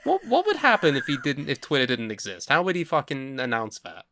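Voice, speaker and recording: A young man co-hosting a casual podcast chat, swearing freely and bursting into excited yelling. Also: mid-range voice, fairly quick, no room sound, clean studio sound, faint music behind. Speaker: podcast co-host.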